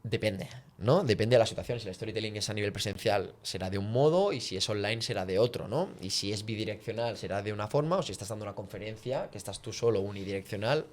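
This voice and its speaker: Man, communication coach, podcast chat, lively quoted voices. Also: fast, few pauses. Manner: animated, acts out quoted speech with big pitch jumps. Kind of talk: podcast conversation, teaching.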